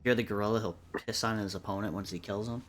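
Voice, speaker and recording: On a live-streamed entertainment panel, a man chats casually about games and films with the group, swearing now and then. His lowish voice is steady in tone and fast, with soft music playing behind it.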